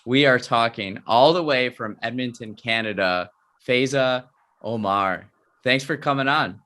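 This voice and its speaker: A man's voice: mid-range voice, unhurried, bright, forceful tone. A man hosting an interview podcast, upbeat, often restarting his questions. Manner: upbeat, stumbles over his questions, laughs easily. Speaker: podcast host.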